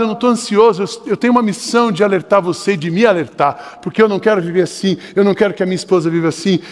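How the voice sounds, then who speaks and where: An older man with a Brazilian Portuguese accent preaching a sermon in church, swinging between shouting and lowered, urgent tones. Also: long reverb tail. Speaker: pastor. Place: church sanctuary.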